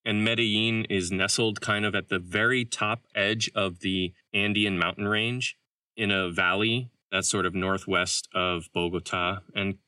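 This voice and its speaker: Young guy cohost rambling on, low-ish bright voice, kinda off mic. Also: a little slow, dry recording, distant mic. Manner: relaxed, rambling with many "like" fillers. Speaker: podcast co-host. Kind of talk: casual chat.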